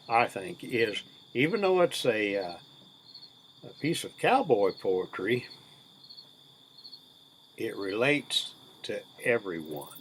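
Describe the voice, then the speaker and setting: Slow-drawling folksy man, crickets behind. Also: low voice. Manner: folksy, unhurried cowboy drawl. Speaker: video host. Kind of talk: casual rambling chat to viewers. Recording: steady background noise with chirping crickets.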